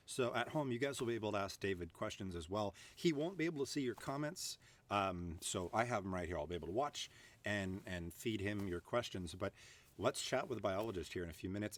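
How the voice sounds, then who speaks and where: A man hosting a live stream show, chatting casually and joking, with plenty of filler words. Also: fairly low pitch. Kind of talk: casual chat.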